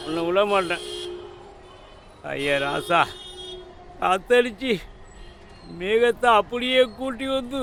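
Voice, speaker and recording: A man's voice: high voice, animated, takes it slowly, long pauses, slight background noise, heavily acted. An actor playing a blackout-drunk, stubborn, maudlin man in a comedy sketch, rambling and repeating his pleas. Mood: maudlin, pleading. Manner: drunken, rambling, repetitive shouting and pleading.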